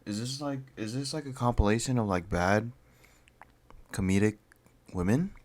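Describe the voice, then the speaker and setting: A man's voice: lowish voice, moderate pace, a little mellow. A man reacting to comedy clips with blunt, profane, scoffing commentary. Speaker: reaction streamer.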